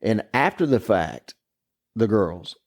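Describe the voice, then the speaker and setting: A man's voice: on the low side, sing-song, slow. Rambling profane man telling a story. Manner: rambling, profane, laughing through his story. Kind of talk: casual ghost story chat.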